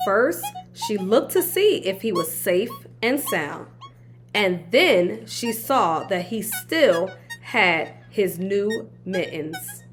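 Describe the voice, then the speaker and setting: A woman narrating a children's picture book in an expressive storytelling manner. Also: mid-range voice. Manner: slow, animated storytelling. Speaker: children's read-aloud host. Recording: music behind the voice. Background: background music.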